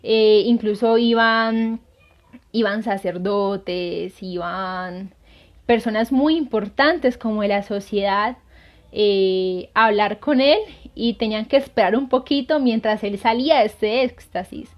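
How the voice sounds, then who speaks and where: A woman's voice: mid-range voice, slow. Earnest woman telling a saint's life. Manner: earnest, hesitant with frequent fillers. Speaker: lay missionary. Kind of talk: devotional storytelling. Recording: dull lo-fi sound.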